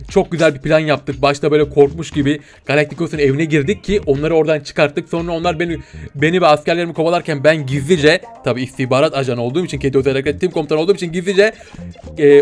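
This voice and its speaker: A man hosting a game parody video in character as a commander, bossy and excitable, barking orders and chatting in slang. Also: fairly high pitch, fast, soft background music. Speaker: gaming video host.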